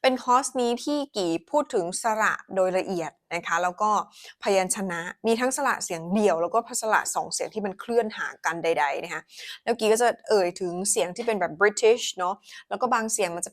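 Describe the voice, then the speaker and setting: A Thai woman giving a casual pronunciation lesson, switching between Thai and English and slowly modeling each word. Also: medium pitch.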